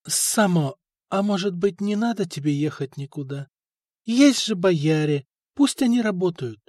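A man reading an audiobook voices a young princess, pleading and tearful, who grows shrill with anger. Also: animated, measured pace, darkish tone, dry recording, clean studio sound.

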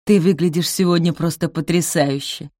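A woman's voice: sits low, fairly even intonation, moderate pace, dark tone, no echo, clean studio sound. A woman reading aloud and voicing a harsh, domineering stepmother who gives orders. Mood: fawning. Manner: commanding, severe.

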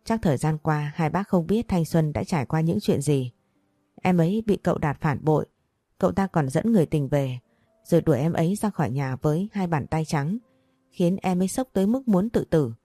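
A woman voicing a respectful, earnest young man who speaks politely and pleads calmly. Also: low-pitched, fairly quick, no room sound, clean studio sound, soft background music. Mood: explaining.

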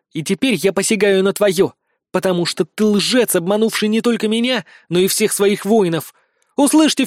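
A man's voice: high-pitched, no echo, studio quality, voice pushed up, close to an everyday voice. A man voicing a defiant young tigress. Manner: ringing, bold, sarcastic. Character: defiant young female tiger-woman warrior, a prince's daughter.

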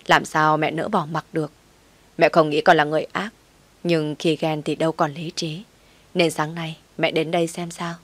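A woman voicing a pleading elderly mother-in-law in a low, soft-spoken read. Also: level tone, normal speed, no room sound.

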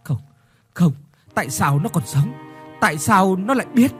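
A man's voice: sits high, expressive, moderate pace, fairly bright tone, soft background music, voice pushed up. A man voicing a frightened, guilty young husband who stammers in panic. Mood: panicked.

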